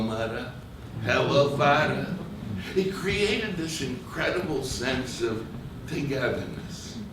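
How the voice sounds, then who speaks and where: An older man delivers a wry, reflective comic monologue at an unhurried pace. He sounds far from the mic in a very echoey theater, with clear hiss underneath. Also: mid-range voice, a bit bright. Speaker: stage performer. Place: theater stage. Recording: distant echoey stage recording with hiss.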